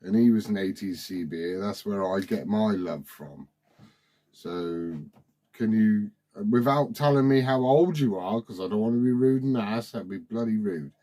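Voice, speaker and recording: A forty-year-old man with a lowish, mellow voice talks at normal speed over a CB radio transmission. Casual and familiar, he's the operator asking the questions.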